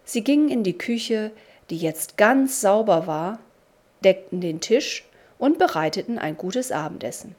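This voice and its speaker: A woman narrating a devotional story in a measured storybook reading. Her pace is very slow and deliberate, each phrase set apart. Her pitch sits in a middling range. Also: expressive, darkish tone.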